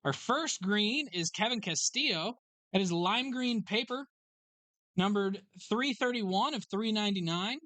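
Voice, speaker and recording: A card break host in a sports card shop, briskly calling out card names and serial numbers as packs are opened. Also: mid-range voice, lively intonation, sharp tone, no echo. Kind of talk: live card break commentary.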